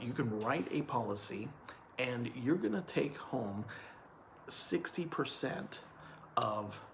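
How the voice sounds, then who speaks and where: A man's voice: mid-range voice, creaky, slight background noise. A man working as an insurance hiring manager, explaining in an earnest monologue that repeats points and checks in with "okay?". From California.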